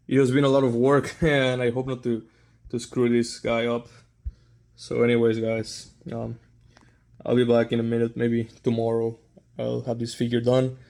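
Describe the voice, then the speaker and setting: Male hobby vlog host, mid-pitched, monotone, informal chat to viewers. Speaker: hobbyist host of figure customizing videos.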